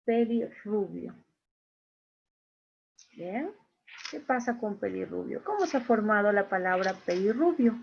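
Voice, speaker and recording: A woman teacher giving an online class, speaking slowly, repeating key phrases and checking in with her students. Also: medium pitch, animated, creaky, husky. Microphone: video call. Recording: dull lo-fi video call audio.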